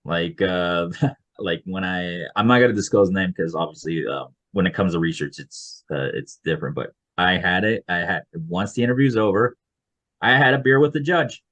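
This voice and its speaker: An American graduate student researcher chats casually on a video call during a panel. His deep, slightly bright voice moves at a moderate pace as he rambles, with many restarts and little chuckles.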